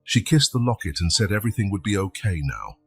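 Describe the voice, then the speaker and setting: A man voicing an earnest young girl, the older of two sisters, speaking softly in a raised voice. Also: on the low side, big pitch swings, fast talker, gravelly, slightly rough, faint music behind, heavily acted. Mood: tender.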